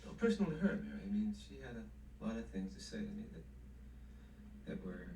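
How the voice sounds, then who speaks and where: An actor playing an evasive, edgy husband in a television soap, hesitant and stammering. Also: male voice, fairly low pitch, very animated, moderate pace, gravelly. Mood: uneasy, defensive. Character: evasive, edgy husband dodging his wife's questions. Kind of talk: television soap opera acting. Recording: roomy, distant, hissy 1970s TV soundtrack.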